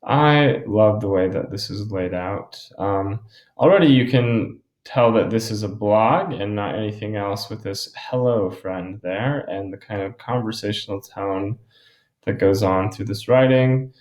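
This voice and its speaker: Male teacher, low voice, relaxed screen-recording walkthrough, echoey room. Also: a little slow. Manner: casual, thinking aloud with many ums. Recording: roomy echo.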